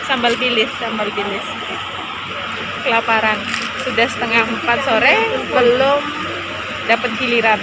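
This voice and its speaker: A young woman vlogs from a packed indoor stadium, phone held at arm's length, narrating casually and addressing viewers as "guys." Her voice is on the high side and steady, her pace measured with many pauses, and the background is very noisy.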